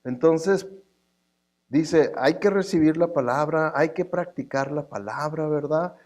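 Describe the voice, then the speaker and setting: A man's voice: fairly high pitch, a little slow, darkish tone. A man preaching a sermon in a conversational way, with joking asides, often checking in with the congregation. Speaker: pastor.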